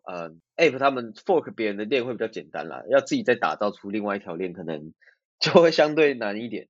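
Casting: male podcast co-host, Taiwanese accent, lowish voice, relaxed conversational style, close dull-sounding audio. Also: no echo. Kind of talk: casual chat.

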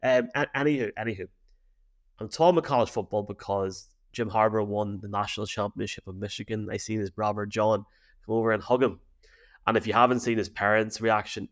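A man with an Irish accent co-hosting a sports podcast, chatting in an animated, jokey way full of slang. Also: on the low side, fast. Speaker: podcast co-host. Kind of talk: casual sports podcast chat.

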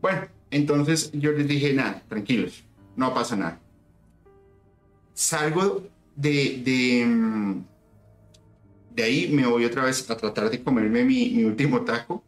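A man's voice: medium pitch, slow pace. A man telling a story in casual conversation, recounting events in detail and acting out the dialogue. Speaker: guest. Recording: echoey room with soft music.

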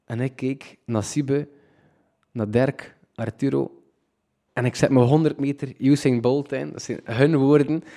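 A young Flemish man recounts a personal story in a mellow, warm voice. He talks in an excitable, lively way, tripping over his words and restarting often. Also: medium pitch, a little slow, creaky. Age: young adult. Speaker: student telling a personal story.

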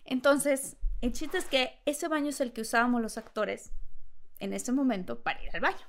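A woman's voice: high voice, normal speed. A woman, a podcast guest, telling a funny anecdote and acting out the voices, laughing often. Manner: lively storyteller, acts out voices and laughs often.

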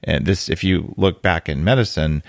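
Deep gravelly male podcast host. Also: moderate pace, no room sound, clean studio sound. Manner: animated, jokey, self-deprecating. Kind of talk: casual interview chat.

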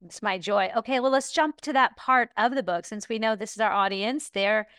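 Brief: woman host, smooth clear voice, dry close mic, encouraging questions. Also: mid-range voice, normal speed, dry recording. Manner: warm encouraging interviewer, reads excerpts aloud. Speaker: podcast host. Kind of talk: casual interview chat.

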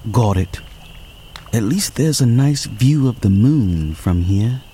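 A man's voice: mid-range voice, lively intonation, slow pace, warm tone, breathy edge. An actor playing a fussy, formal man fleeing on foot at night, speaking in precise, proper phrases. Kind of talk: audio drama acting.

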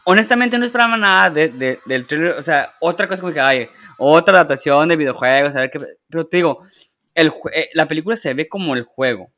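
Man, raised pitch, bright edge, animated co-host. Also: fast talker. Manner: animated, rattles off rhetorical questions. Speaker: podcast co-host. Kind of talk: casual chat.

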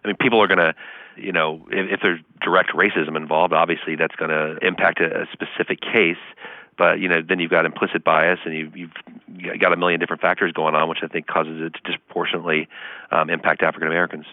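A deep-voiced man talks quickly and earnestly as an interview guest, dotting his answers with fillers. His voice comes through a tinny, phone-like line with no room sound around it. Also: level tone, dry recording. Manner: fast, earnest, many fillers. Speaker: law professor, guest.

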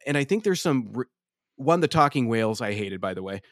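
A man's voice: mid-range voice, animated, a little fast, dry recording, studio quality. A man co-hosting a casual film review podcast, talking in a discursive way that builds gradually to his opinions. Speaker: podcast co-host.

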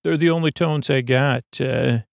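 A man hosting a sleep podcast, talking slowly in a meandering, self-interrupting bedtime monologue with a creaky voice. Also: medium pitch, steady tone, no echo, clean studio sound. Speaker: podcast host.

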